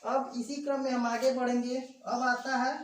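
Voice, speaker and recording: A grammar teacher giving an exam-prep video lesson, explaining step by step and sounding out letters slowly, addressing viewers as friends. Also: high voice, little pitch movement. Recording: echoey room, distant mic, faint background hum.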